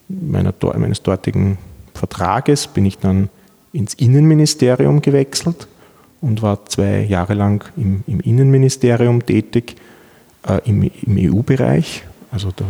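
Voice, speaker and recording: This lowish, mellow voice has vocal fry and a breathy edge, with a long reverb tail trailing each phrase. It's a middle-aged Viennese law professor with an Austrian German accent, answering interview questions through many fillers and restarts.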